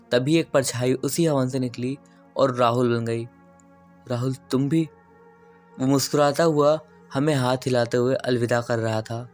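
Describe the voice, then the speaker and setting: Male horror storyteller, earnest and steady, middle pitch, soft music bed. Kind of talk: first-person horror storytelling. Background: faint background music.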